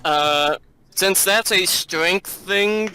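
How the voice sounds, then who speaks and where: A man playing in a tabletop game, casual and animated, swearing freely. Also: high voice, extremely slow, a little hiss or hum. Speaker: player.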